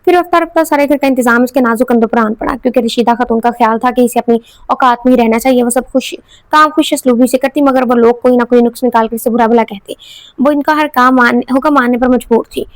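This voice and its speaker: A woman reading a romance novel aloud in steady storytelling narration, sometimes correcting herself. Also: on the high side, quick pace, dry recording. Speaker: audiobook narrator.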